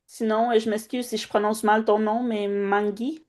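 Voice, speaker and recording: A woman's voice: medium pitch, level tone, moderate pace, crowd noise. A woman with a Canadian French accent hosting an online meeting in an informal, chatty way. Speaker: meeting host. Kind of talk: casual hosting of an online networking call.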